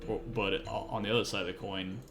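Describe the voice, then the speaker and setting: A man with a slightly low voice commentates casually on a game stream. He talks informally as a developer, swearing now and then, over loud music. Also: little pitch movement, quick pace. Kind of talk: casual live playthrough commentary.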